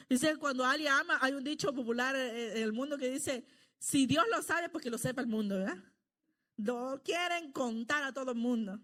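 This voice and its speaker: A middle-aged woman from El Salvador with a high-pitched voice delivers a sermon. She speaks earnestly and conversationally, often turning to her listeners with quick tag questions. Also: a bit bright. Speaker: preacher.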